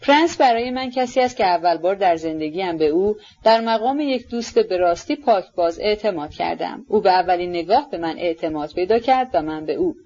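A woman's voice: lowish voice, lively intonation, hardly any pauses, dark tone, highs cut off. A woman voicing a proud, imperious young woman who speaks in a haughty, commanding way. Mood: sharp.

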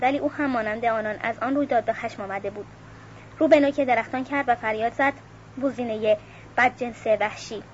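A woman narrating an audiobook in a steady, measured reading with a few self-corrections. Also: a little high. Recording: muffled with faint hiss.

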